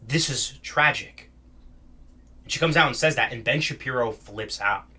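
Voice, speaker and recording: Male online commentator, bright forceful voice, slangy and mocking. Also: mid-range voice, brisk. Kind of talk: casual reaction commentary.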